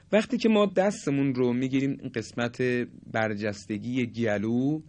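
A man teaching a lesson on how letters are pronounced, speaking deliberately and politely and sounding out examples aloud. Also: mid-range voice, a little mellow. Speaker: Quran recitation teacher. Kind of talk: explanatory lesson on letter articulation.

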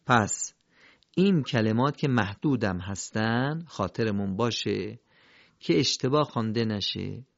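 A man's voice: lowish voice, animated, vocal fry, dry recording, lo-fi sound. A man teaching correct Quran recitation, patiently drilling each word with questions and answers. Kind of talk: instructional lesson.

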